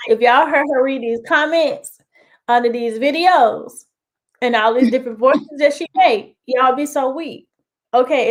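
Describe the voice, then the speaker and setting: High-voiced woman chatting animatedly. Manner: animated, teasing, talks to the audience. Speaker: co-host. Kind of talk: casual chat.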